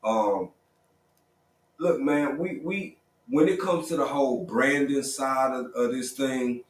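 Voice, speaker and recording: A man hosting a casual livestream, talking in a relaxed, conversational way with lots of quick affirmations. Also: medium pitch, far from the mic. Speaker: livestream host. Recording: roomy sound, a bit off-mic.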